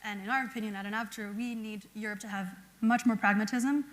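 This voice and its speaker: A woman's voice: medium pitch, steady tone, quick pace. A woman representing an electrolyzer maker on a panel, speaking earnestly and often adding "right?". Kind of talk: panel discussion.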